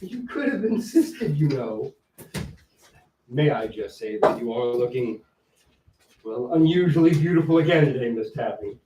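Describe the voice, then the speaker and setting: A courteous, lovelorn newcomer, played by a man in a comic stage show, speaks with bemused, animated swings of pitch. The sound is echoey and a little noisy. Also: unhurried, long pauses, far from the mic. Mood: smitten.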